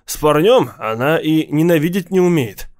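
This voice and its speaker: A man voicing a rowdy, foul-mouthed teenage gang boy who shouts and jeers. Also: on the high side, animated, moderate pace, natural voice. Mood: jeering. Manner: loud, jeering, shouting.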